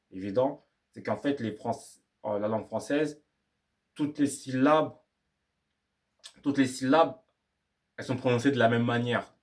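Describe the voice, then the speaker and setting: A young man talking casually to camera about learning English, rambling and repeating himself in slangy French. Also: lowish voice. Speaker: YouTuber giving language-learning tips. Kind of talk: casual vlog monologue.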